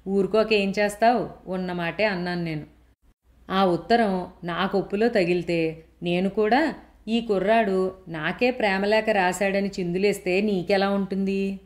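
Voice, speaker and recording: A woman's voice: medium pitch, steady tone, unhurried, lightly acted. A woman voicing a bold older housewife who scolds and mocks bluntly. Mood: scolding.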